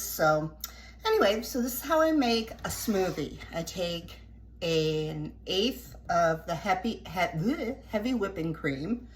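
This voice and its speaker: A woman's voice: fairly low pitch, slight background noise. A middle-aged woman vlogging from home in a candid, rambling way, with lots of fillers. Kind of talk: casual home vlog chat.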